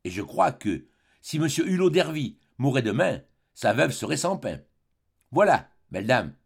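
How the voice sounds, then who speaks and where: A man's voice: mid-range voice, very animated, moderate pace, gravelly, husky, exaggerated voice. A man reading a pompous stout suitor. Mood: indignant. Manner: blustering, self-important. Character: stout pompous middle-aged bourgeois suitor.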